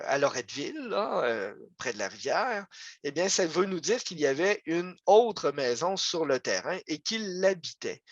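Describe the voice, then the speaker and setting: A man's voice: a little high, fairly bright tone, no room sound. A man with a Quebec French accent giving a local history lecture over a video call, conversational, with many fillers and asides. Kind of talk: history talk, online lecture.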